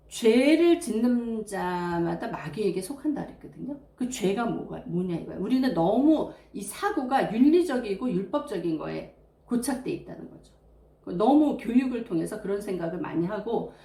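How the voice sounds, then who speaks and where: A woman delivers an earnest, reflective sermon in a warm, mellow voice that rises and falls in a lively way. Her voice sounds slightly higher than most. The room is echoey and roomy around her. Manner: earnest, reflective preaching with personal testimony. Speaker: preacher.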